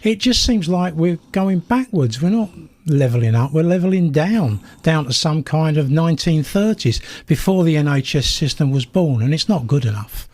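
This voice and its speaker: An older man from South London with a South London accent, a guest in a radio interview who tells stories with lively acted-out dialogue. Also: a little high, normal speed, few pauses. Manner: animated storyteller, acts out dialogue.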